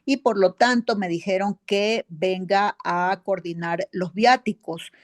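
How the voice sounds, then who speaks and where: A woman's voice: medium pitch, slow pace, close to an everyday voice. A woman playing a witness in a mock trial, a neighbor and accountant who answers in a rambling way full of fillers and tag questions. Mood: earnest. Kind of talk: courtroom role-play, answering questions.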